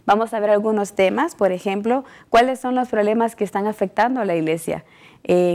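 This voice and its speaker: A woman hosts a Bible study program in a TV studio. She greets her guests warmly and keeps the talk moving with questions. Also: medium pitch. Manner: welcoming, asks questions to guests. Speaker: host.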